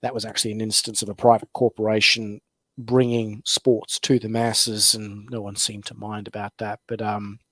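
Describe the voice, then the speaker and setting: A man's voice: lowish voice, level tone, moderate pace, fairly bright tone, no echo. A man co-hosting a podcast, rambling with wry, sarcastic asides and many fillers. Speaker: podcast co-host. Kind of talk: casual opinion chat.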